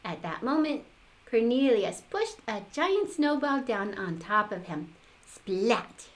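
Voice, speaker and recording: Casting: sweet old lady storyteller, unhurried, with highish, animated voice. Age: older. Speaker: grandmother reading to children. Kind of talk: expressive storybook read-aloud.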